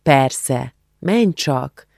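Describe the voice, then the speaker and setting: Audiobook figure: male narrator doing a knowing young woman friend, matter-of-fact, gravelly tone. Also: mid-range voice, lively intonation, darkish tone, no room sound, clean studio sound. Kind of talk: audiobook character voice.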